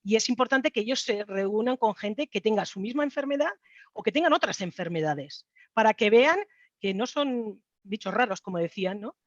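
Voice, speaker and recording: A woman's voice: mid-range voice, lively intonation, moderate pace, no echo. A woman talks on a panel about her daughter's experience, earnest and full of small fillers. Her voice sits in a middling register. The sound is dry and dull, with no room around it. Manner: earnest, conversational, with many fillers. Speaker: mother of a child with a rheumatic disease. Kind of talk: round-table discussion.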